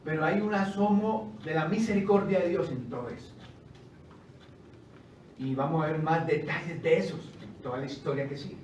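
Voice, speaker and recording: Preacher, male, high voice, chatty and jokey, heard from off-mic with a faint hum behind. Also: normal speed. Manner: lively, conversational preaching with joking asides; rises loudly when reading scripture. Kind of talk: sermon. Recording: roomy and distant with faint ambience.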